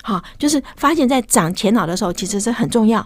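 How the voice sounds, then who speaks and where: A woman's voice: on the high side, expressive, fast talker, dry recording. An older woman with a Taiwanese Mandarin accent, a professor guest on a radio interview, explaining science and dropping English terms into her talk.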